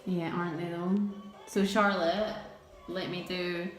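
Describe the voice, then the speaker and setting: A woman's voice: lowish voice, level tone, measured pace, roomy sound, soft background music. A woman nail technician giving a chatty live tutorial, quizzing and teasing her viewers.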